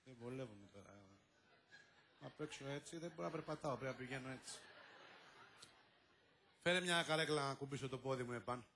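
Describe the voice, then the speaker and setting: A man's voice: mid-range voice, hardly any pauses, pushed and bright, a little hiss or hum, lightly acted. An actor playing a bumbling lovesick man who mutters clumsy asides and scolds his helper, in an old film comedy. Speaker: comic lead in a film. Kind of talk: 1960s Greek film comedy acting.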